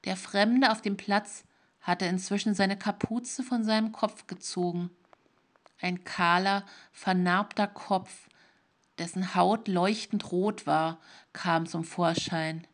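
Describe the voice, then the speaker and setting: A woman narrating a fantasy story in a calm, measured way. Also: mid-range voice. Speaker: audiobook narrator.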